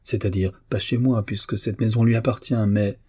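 A man's voice: fairly low pitch, fairly even intonation, normal speed, darkish tone, breathy edge, dry recording, clean studio sound. A man reading the part of a shy, blunt young peasant girl in an audiobook, with an artless, hesitant delivery. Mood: plaintive.

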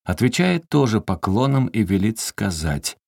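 A man reading a first-person story aloud in an expressive way, with his voice rising sharply in the quoted outbursts. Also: fairly low pitch, a little slow, gravelly, no echo, clean studio sound. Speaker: audiobook reader.

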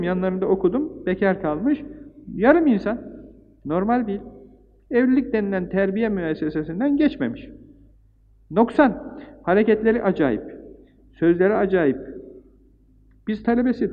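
Older guy preaching, punchy lists, sounds like a thin phone-quality tape. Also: high-pitched. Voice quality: recites Arabic verses quickly. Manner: emphatic, rhythmic lists, rising on key points. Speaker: Islamic preacher. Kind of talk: religious talk. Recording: tinny phone-like old recording in a hall.

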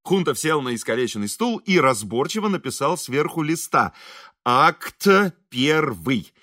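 Guy reading an audiobook, bright lively voice, dry close mic, faint music. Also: fairly high pitch, brisk, no room sound. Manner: lively, expressive, voices characters. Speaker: audiobook reader. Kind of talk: expressive audiobook narration.

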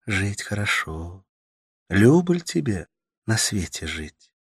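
Brief: gentle caring young woman, soft sing-song delivery, played by a male audiobook reader pitching up. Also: sing-song, slow, breathy edge, dry recording, clean studio sound, full character voice. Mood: storytelling. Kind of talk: audiobook character voice.

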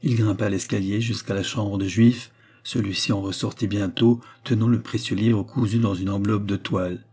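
A man reading a novel aloud as steady scripted narration. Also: fairly low pitch, normal speed, husky. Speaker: audiobook reader.

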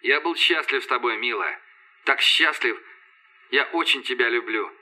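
A man reading an audiobook, voicing a calm, collected young male engineer who speaks quietly and tenderly. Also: mid-range voice, quick pace, low-quality recording. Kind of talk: audiobook character voice.

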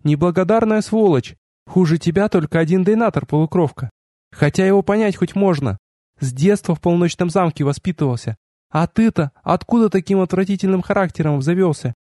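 A man voicing a proud, hot-tempered young goddess in an audiobook, pitching his voice well up and speaking imperiously. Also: mellow, no room sound, studio quality, close to an everyday voice. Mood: sulky. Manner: imperious, quick to flare up, then pleading.

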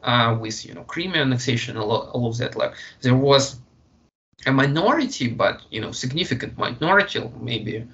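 A man from Russia with a Russian accent, speaking English in a halting way with many fillers and restarts as an interview guest. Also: mid-range voice, lively intonation, a bit bright, muffled recording. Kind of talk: conversational interview.

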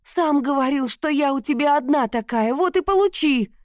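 A woman voicing a fierce, desperate young bride who shouts in a shrill, raised voice in an audiobook. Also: expressive, normal speed, no echo, clean studio sound. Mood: defiant. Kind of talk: audiobook character reading.

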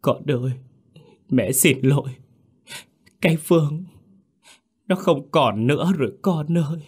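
A man's voice: low-pitched, moderate pace. A man voicing an older mother who is grieving and tearful, sobbing as she confesses in an audio story. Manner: sobbing, pleading.

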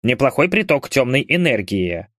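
A man voicing a smug male ghoul, a dark mage who drawls and sneers. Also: mid-range voice, sing-song, normal speed, dry recording, studio quality. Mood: smug, mocking.

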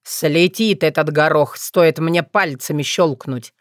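An arrogant, cruel sorcerer from a storybook, voiced by a woman narrator. He taunts his foes in a slow, sneering manner. The voice sits fairly low and the sound is dry and close. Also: no room sound. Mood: mocking.

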